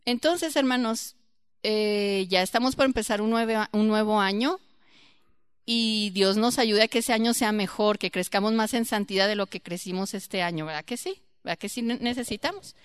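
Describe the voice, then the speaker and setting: A woman giving a church Bible teaching, lively and questioning her group, acting out quoted voices. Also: medium pitch, moderate pace, clean tone, dry recording, studio quality.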